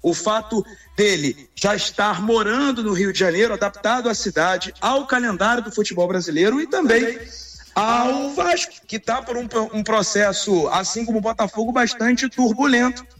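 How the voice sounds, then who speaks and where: A man's voice: high voice, moderate pace, a bit bright. Man reporting over a distant speakerphone. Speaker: sports reporter calling in. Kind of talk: sports news report. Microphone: phone on speakerphone.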